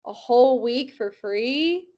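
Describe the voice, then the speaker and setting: A woman reading aloud the lines of a shy, quiet man who speaks flatly and reluctantly. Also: a little high, takes it slowly. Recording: dull lo-fi audio.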